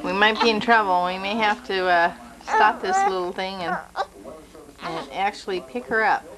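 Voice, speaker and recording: A woman's voice: mid-range voice, lively intonation, normal speed, vocal fry, very noisy. A mother narrating a home video of her baby in the living room, talking sweetly to the infant while holding a camcorder. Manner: chatty, talks sweetly to the baby. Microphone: handheld camcorder.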